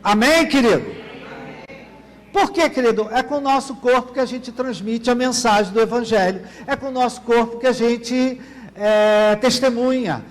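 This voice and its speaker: In a church, a male pastor with an extremely high-pitched voice preaches a sermon at a moderate pace. He keeps turning to the congregation with "Amém, querido?" to ask for an amen, and a long church reverb trails his words.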